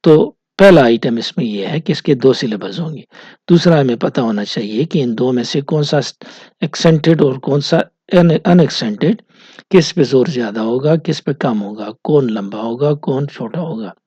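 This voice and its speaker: A man giving a recorded literature lecture, explaining slowly with many hesitations. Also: medium pitch, mellow, husky, no room sound. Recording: dull, dry lo-fi recording.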